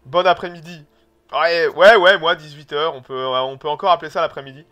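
A man hosting a live book-club stream, talking in a loud, excitable, casual way. His voice is bright and sharp, and sits a little high for a man. He swears offhandedly between remarks. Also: brisk. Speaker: stream host.

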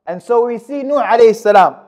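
A man in his thirties delivering a Friday sermon in a mosque, speaking at a podium microphone in a measured, emphatic way. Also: very high-pitched, animated, darkish tone. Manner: measured, emphatic delivery with fast recited Arabic verses. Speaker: khutbah speaker. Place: mosque prayer hall, indoors. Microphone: gooseneck podium mic.

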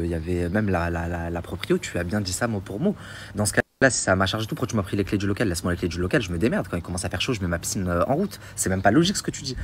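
A man's voice: deep voice, slight background noise. A man indignantly retelling a dispute in a casual phone story, recorded on a phone. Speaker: storyteller in a social media story.

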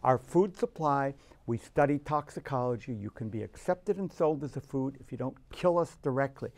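A man's voice: medium pitch, expressive, moderate pace, darkish tone. A man in his sixties speaking on a panel as a food scientist, earnest and emphatic. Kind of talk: panel discussion. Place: lecture room with audience.

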